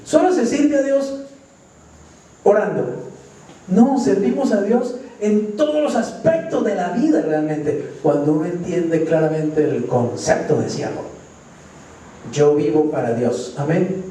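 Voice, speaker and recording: A man's voice: high-pitched, lively intonation, unhurried, warm tone. A man preaching a sermon, emphatically asking the congregation questions and answering them himself. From Colombia. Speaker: pastor. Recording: echoey church hall from far off.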